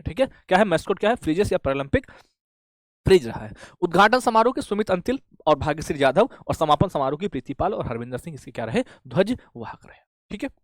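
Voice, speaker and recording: Guy teacher, pretty high voice, quizzing the class then answering himself, dead dry sound. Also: no echo. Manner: asks quick questions and answers them himself, says "bhaiya" and "theek hai" often. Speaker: exam-prep teacher. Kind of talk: classroom lecture with call-and-response questions.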